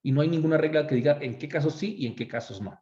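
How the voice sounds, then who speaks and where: A man's voice: on the high side, fast, warm tone. A man with a Mexican accent teaching an online course, explaining conversationally and often checking in with "ok?". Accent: Mexican Spanish. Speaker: course instructor. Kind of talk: explanatory tutorial lecture. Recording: echoey room, slightly dull lo-fi sound.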